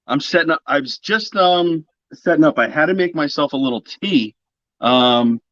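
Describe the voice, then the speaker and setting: A man's voice: fairly high pitch, expressive, normal speed, fairly bright tone, dry recording. A man speaking as a podcast guest in a casual, conversational interview style. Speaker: podcast guest, psychic medium. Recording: slightly dull, lo-fi audio.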